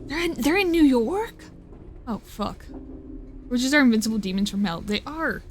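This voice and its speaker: Her fairly high voice has a lively lilt and a moderate pace, with a bit of background noise. The young woman is live-streaming, chatting in a loose, rambling way full of swearing, laughter, and self-interruptions.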